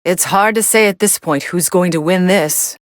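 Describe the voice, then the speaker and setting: Android 18, low-voiced deadpan android fighter played by an actress. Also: female voice, normal speed, no room sound, studio quality, lightly acted. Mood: dry, unimpressed. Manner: deadpan, dismissive. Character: cool, sardonic young female android fighter. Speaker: fighting game commentator character. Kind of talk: scripted game voice lines, fight commentary.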